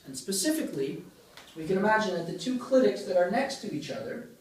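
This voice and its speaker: In a big, heavily reverberant lecture room, a high-voiced Greek linguistics lecturer patiently works through an argument one step at a time. He keeps checking in by putting questions to his students. The microphone sits far from him, so he comes across as distant.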